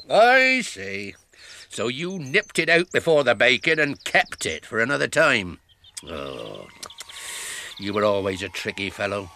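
Noakes: a vain old cook. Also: male voice, medium pitch, sharp tone, slight background noise, heavily acted. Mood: smug. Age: older. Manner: blustering and scornful, then cringing. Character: vain, lazy, sly old male cook. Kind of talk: radio drama acting.

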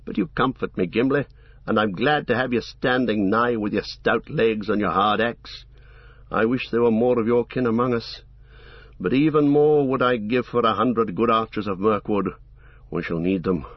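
A man's voice: fairly low pitch, normal speed, dry recording, dull audio, close to an everyday voice. A man voicing a poised, wary elf archer.

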